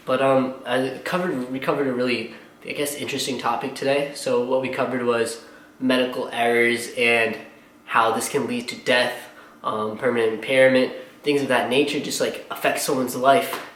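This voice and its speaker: A man's voice: mid-range voice, steady tone, moderate pace, fairly bright tone. Earnest young man vlogging, roomy sound. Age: young adult. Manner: rambling, earnest, many fillers. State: slightly out of breath. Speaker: pharmacy student vlogger. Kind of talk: casual vlog talk to camera.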